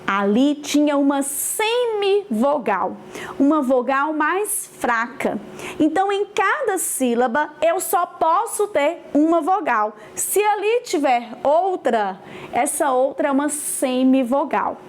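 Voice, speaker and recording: A woman's voice: sits high, animated, slow pace. A woman teaching grammar, explaining step by step, repeating key points and checking in with the class. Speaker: Portuguese teacher. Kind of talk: online grammar lesson.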